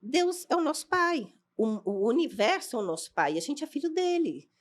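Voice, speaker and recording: A woman's voice: high voice, big pitch swings, normal speed. A woman, a podcast guest earnestly telling her life story in a casual chat. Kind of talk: personal testimony in casual chat.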